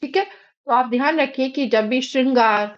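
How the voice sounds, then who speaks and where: Indian lady teacher, high voice, explains grammar step by step, kinda muffled audio. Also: moderate pace. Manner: patient, asks and answers her own questions.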